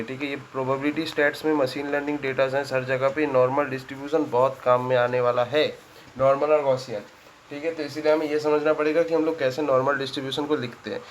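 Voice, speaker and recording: A man's voice: a little high, rough recording. A man teaching a statistics lesson, working sums aloud and checking in with his students after nearly every step. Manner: conversational, checks in often with "ठीक है?", works sums aloud. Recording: faint background noise.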